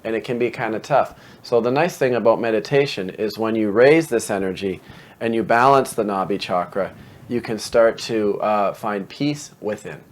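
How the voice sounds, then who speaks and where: A man hosting a meditation show, explaining calmly and conversationally and posing rhetorical questions. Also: fairly low pitch, normal speed.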